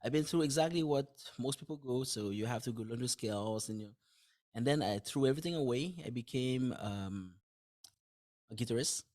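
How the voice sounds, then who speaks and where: This mid-range male voice is brisk and a bit mellow. He's a podcast guest whose native language is French, a dentist who also writes books, and in this relaxed interview he talks things through in plain words, frequently starting sentences over and letting out small laughs.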